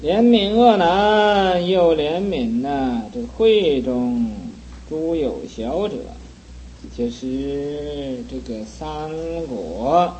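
A man, a Buddhist teacher, lecturing on a sutra in an earnest voice and gently scolding and teasing his listeners. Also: medium pitch, expressive, drawn-out words, muffled recording, slight background noise.

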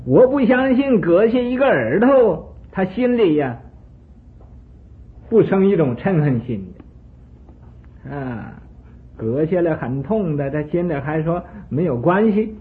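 Male storyteller doing a raging jealous ancient king: high, loud, scornful, tinny phone-line sound. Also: very animated, unhurried, pauses often. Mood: angry, taunting. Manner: shouting, scornful challenges. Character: jealous, hot-tempered ancient king, a man.

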